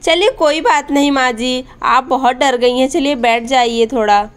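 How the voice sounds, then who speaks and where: A woman's voice: high voice, a little slow, clear, resonant tone. Caring young daughter-in-law, voiced by a woman. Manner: gentle, reassuring.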